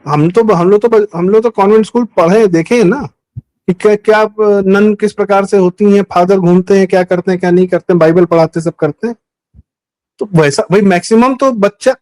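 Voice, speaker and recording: A man's voice: sits high, a little mellow, poor audio. A middle-aged man commenting on a talk show, emphatic and full of rhetorical questions. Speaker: guest commentator. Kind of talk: political talk show discussion.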